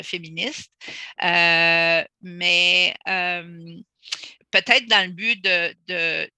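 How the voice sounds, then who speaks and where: A woman speaking as a panelist in a discussion, measured and thoughtful, pausing to search for her words over a video call. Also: lowish voice, creaky, sharp tone, dry recording.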